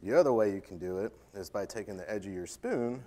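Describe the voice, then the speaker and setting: A man's voice: on the low side, lively intonation, fast talker, warm tone. A man, a chef, giving a live cooking demonstration on a conference stage, joking and chatting with the audience. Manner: joking, chatty, self-deprecating, playful with the audience. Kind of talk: live cooking demo keynote.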